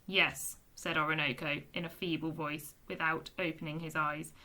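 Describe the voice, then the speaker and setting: A woman's voice: low-pitched, level tone, normal speed, pushed and bright, pitched below the performer's own voice. A woman voicing Orinoco, a plump young male Womble in a storybook, feeble and easily offended. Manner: feeble and indignant.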